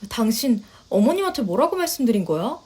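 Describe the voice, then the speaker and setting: A woman voicing a polite, soft-spoken young wife who talks quietly and hesitantly in a story reading. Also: a little high, sing-song, fairly quick, husky. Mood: gentle. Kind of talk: storytelling voice acting.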